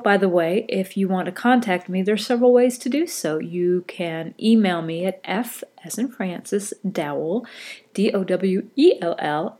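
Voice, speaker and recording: A middle-aged woman hosts a solo podcast while stuffed up with a cold, her mid-range voice somewhat dark in tone. She rambles casually and chattily, frequently correcting herself.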